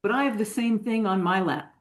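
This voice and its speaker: A woman's voice: mid-range voice, a little fast. Chatty woman on a video call. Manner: chatty, meandering, with ums. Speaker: participant. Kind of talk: casual chat.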